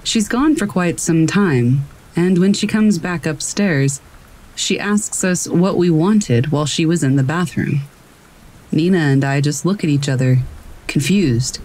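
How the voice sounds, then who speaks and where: A narrator reading scary stories aloud in a calm, measured storytelling voice. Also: medium pitch, low-quality recording. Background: faint rain.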